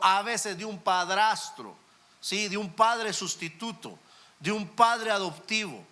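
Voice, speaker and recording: Pastor guy preaching, chatty, talks right to you, kinda high bright voice. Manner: conversational, addresses listeners directly with rhetorical questions. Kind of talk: sermon.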